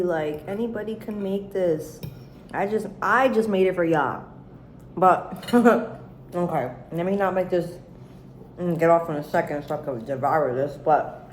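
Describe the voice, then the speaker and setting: A woman's voice: lowish voice, echoey room, slight background noise, rough recording. A woman in her thirties chatting casually as she cooks in a home kitchen, swearing freely and talking candidly. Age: 30s. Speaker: cooking vlogger. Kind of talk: casual cooking chat.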